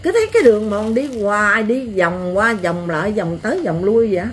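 An older woman with a Southern Vietnamese accent, telling stories in a blunt, earthy, animated way as an interviewee. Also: medium pitch, a little fast, a little hiss or hum. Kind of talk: rural storytelling.

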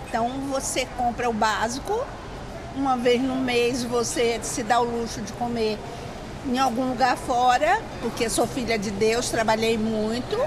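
A woman's voice: a little high, background noise. A woman in her sixties, retired, speaking plainly and with resignation in a news interview at a restaurant. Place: restaurant indoors.

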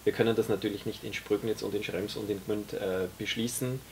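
A low, gravelly, steady-toned voice belongs to a man in his forties from Austria, a guest and author. In casual conversation he explains his vision at length, pausing often with fillers. A camera mic a few metres away in a small tea café captures him over a faint hiss.

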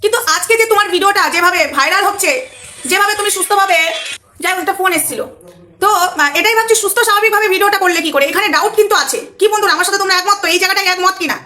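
A woman's voice: very high-pitched, rapid-fire, pushed and bright. A woman vlogger giving an indignant, repetitive, lecturing commentary to her viewers. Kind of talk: emotional commentary vlog.

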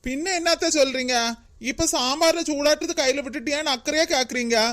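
Young cartoon daughter-in-law, plaintive, pleading, Kanyakumari Tamil accent, fairly high voice, a woman doing it. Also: brisk, fairly bright tone. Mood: upset pleading. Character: put-upon young daughter-in-law, tearful and anxious. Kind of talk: cartoon voice acting.

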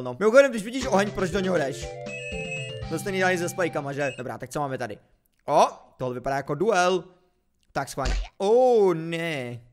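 Excitable young Czech-speaking gamer man. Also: on the high side. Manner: excitable, jokey, swings between muttering and yelping. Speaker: gaming YouTuber. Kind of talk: casual game commentary.

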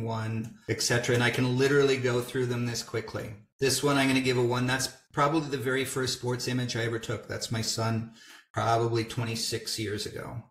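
A middle-aged man giving a casual walkthrough of photo software, talking through each step as he clicks. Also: medium pitch. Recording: roomy echo.

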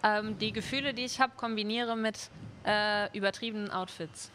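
A woman's voice: mid-range voice, fairly even intonation, normal speed, a bit bright, a little hiss or hum. A young woman from Berlin, a singer, chatting casually in an interview into a handheld mic at a music club. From Berlin, Germany. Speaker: singer, guest.

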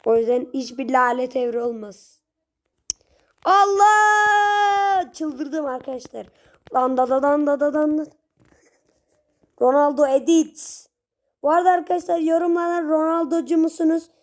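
A young woman giving casual gameplay commentary, chatty with her viewers and prone to sudden shrieks and yells at the game. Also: high voice, flat delivery, normal speed. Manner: chatty, talks straight to viewers. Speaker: gaming channel host.

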